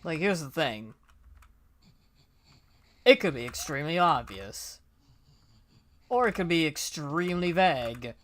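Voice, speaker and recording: A streamer talks to themself while playing a game, slow and unhurried, trailing off in mutters and hesitant restarts. The pitch sits in an ordinary middle range. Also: expressive, fairly bright tone. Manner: mutters, hesitant, self-talk.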